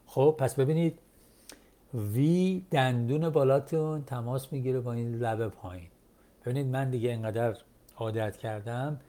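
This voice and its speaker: Persian-speaking guy teaching english from a textbook, darkish mellow voice, says phrases slow and repeats them. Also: medium pitch. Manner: explains pronunciation step by step.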